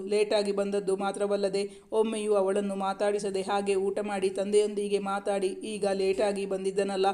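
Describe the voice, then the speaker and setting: A man reading a romance story aloud as narrator, in a steady, even storytelling manner. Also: high voice.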